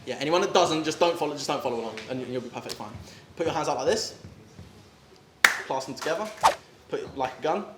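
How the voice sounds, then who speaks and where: Male stage hypnotist, brisk and insistent, repetitive suggestions, recorded in an echoey room. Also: a little high, animated. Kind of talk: live group hypnosis demonstration, repetitive suggestion. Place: echoey room before a live group. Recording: echoey room, some background noise.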